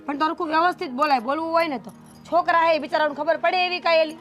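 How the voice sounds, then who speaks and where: A woman's voice: very high voice, steady tone, very fast, fairly bright tone, highs cut off, faint music behind. An actress playing a young woman chiding her stubborn younger sister. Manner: chiding and pleading. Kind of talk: family drama acting.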